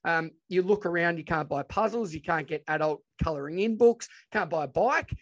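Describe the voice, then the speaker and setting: A man with a broad Australian accent speaks in a slightly high voice. He is informal and enthusiastic, telling stories in a casual, chatty way as a guest being interviewed. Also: moderate pace. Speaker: podcast guest, educator and presenter.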